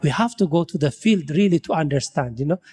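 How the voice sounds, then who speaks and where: Animated and fast-talking, an Ethiopian man with a slightly high, a little mellow voice and a breathy edge speaks in a large hall. As a building science researcher on a panel about buildings and climate, he thinks aloud, gropes for words and frequently tags on "you know."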